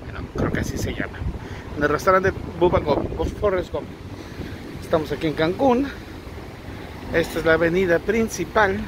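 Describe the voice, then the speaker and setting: Mexican guy vlogging outside, kinda high voice, lots of ums, wind and traffic noise behind. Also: moderate pace, long pauses. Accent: Mexican Spanish. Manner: hesitant, many fillers and repeats. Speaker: travel vlogger. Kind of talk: casual vlog review. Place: outdoors by a street.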